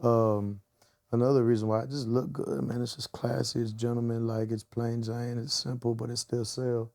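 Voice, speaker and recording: A man in his twenties from Texas, a rapper chatting as a guest in a relaxed, slangy way. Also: mid-range voice, normal speed, vocal fry. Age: 20s. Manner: laid-back, drawling, slangy. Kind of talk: casual interview chat.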